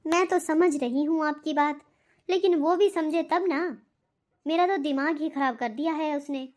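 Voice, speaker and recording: A woman's voice: high-pitched, moderate pace, a little mellow, lightly acted. A woman voicing a worried cartoon mother. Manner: pleading, worried. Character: worried middle-aged mother, anxious wife. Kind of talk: cartoon voice acting.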